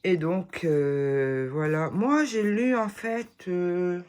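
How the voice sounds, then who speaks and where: A woman's voice: lowish voice, very slow, darkish tone. A woman chatting casually to the camera as she shows off her tarot decks, rambling and full of hesitations and restarts. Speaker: vlogger showing tarot decks. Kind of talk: casual chat.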